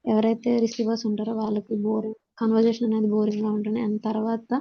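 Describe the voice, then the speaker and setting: In a dull, lo-fi recording, a woman with a Telugu accent instructs a class on communication skills, reading slide points and explaining each one. Her fairly high voice is completely flat, quick, creaky and slightly rough.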